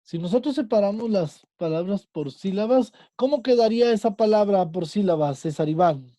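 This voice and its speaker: A patient teacher leads an online class, slowing and stretching words to explain. His voice is very dark and mellow, recorded dry and close on a computer mic. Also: high voice, lively intonation, dry recording.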